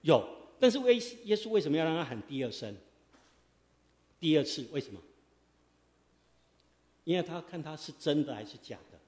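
A man preaching a sermon, quizzing the congregation and swinging from quiet asides to loud exhortation. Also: on the high side, normal speed, long pauses, big-room sound. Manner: lively, quizzes the congregation with fill-in questions. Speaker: pastor. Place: church sanctuary.

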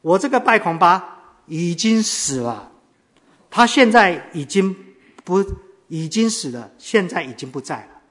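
A man voicing a calm, assured convert who answers steadily and measuredly. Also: high voice, measured pace, voice pushed up, exaggerated voice.

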